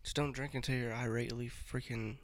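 Creaky-voiced man telling rambling stories. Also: mid-range voice, fairly even intonation, a little fast, no room sound. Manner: rambling storyteller, swears freely. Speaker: podcast co-host. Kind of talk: casual chat.

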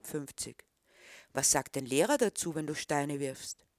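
A woman's voice: sits low, expressive, a little slow, dry recording, studio quality. A woman reading the part of a disapproving middle-aged man who questions a boy. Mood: stern.

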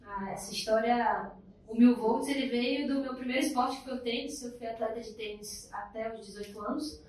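A woman's voice: fairly high pitch, normal speed, darkish tone, distant mic. A young woman from Bahia, a guest telling stories in a chatty, upbeat way. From Bahia, Brazil. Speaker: guest, emergency doctor. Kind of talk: casual podcast chat. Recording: roomy echo, off-mic.

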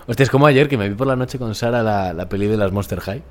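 A man's voice: fairly low pitch, fast talker. A man with a Spain Spanish accent co-hosting a casual podcast, telling stories playfully. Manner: playful anecdote teller. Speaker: podcast co-host. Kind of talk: casual chat, storytelling.

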